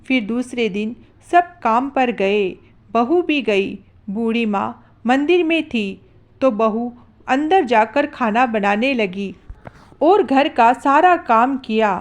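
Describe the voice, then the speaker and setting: A woman narrating a devotional folk story slowly and plainly, with simple repetitions. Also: a little high, animated.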